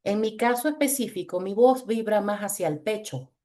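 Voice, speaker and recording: Woman, low chest voice, lively teasing delivery, webinar over a video call. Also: normal speed. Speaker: voice coach leading a webinar. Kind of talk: webinar talk with exercises.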